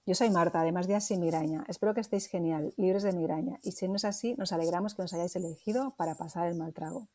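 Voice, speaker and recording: Woman cohosting a chatty podcast, lowish mellow voice, keeps rephrasing as she thinks. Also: fast talker, hardly any pauses. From Barcelona, Spain. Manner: thoughtful, hesitant, rephrases often. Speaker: podcast co-host. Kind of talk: casual conversational podcast.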